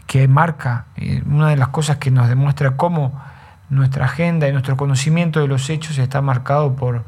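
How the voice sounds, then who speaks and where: A man hosting a radio show, giving unhurried, reflective commentary between songs and often ending thoughts with a tag question. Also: mid-range voice, darkish tone. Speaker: radio host.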